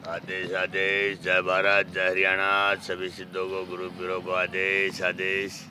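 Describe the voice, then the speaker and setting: A man's voice: low-pitched, completely flat delivery, a little slow, noisy background. A man, an ascetic who solemnly gives blessings and answers questions outdoors. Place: outdoors at a temple fire site.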